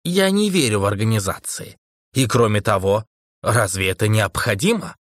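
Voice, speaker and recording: Cold, scornful male critic voiced by a male reader, slow and low, dry close sound. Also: animated, dry recording, close to an everyday voice. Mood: disdainful. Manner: slow, lowered, disdainful delivery. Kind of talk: audiobook character voice.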